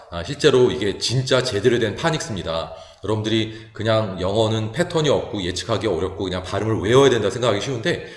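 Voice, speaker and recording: A man teaching an English phonics lecture, explaining step by step and sounding out example words slowly. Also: lowish voice. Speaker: high school English teacher. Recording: echoey hall with long reverb.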